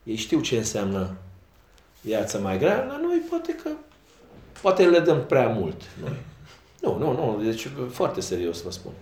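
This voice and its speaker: A man's voice: medium pitch, huge pitch swings, a little mellow. A man speaking as a football coach at a post-match press conference, frank and self-critical. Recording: roomy echo.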